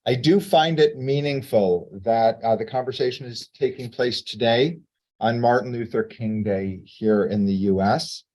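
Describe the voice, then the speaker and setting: Over a video call, a man who serves as president and moderator opens a virtual panel in a measured, welcoming manner, using some fillers. His voice is mid-range with a darkish tone.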